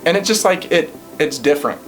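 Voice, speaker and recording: A man's voice: a little high, animated, a little fast, a bit bright, soft background music. A man in his twenties hosting a casual podcast interview, chatty and full of fillers. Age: 20s. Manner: chatty, many fillers like "like" and "yeah". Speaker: podcast host.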